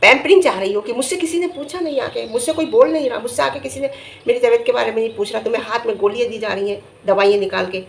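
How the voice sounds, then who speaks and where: A middle-aged woman giving casual vlog commentary, emphatic and scolding, her voice jumping high when she gets indignant. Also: very fast, gravelly, a little hiss or hum. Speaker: vlogger reviewing family vlogs. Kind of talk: casual talking-head commentary.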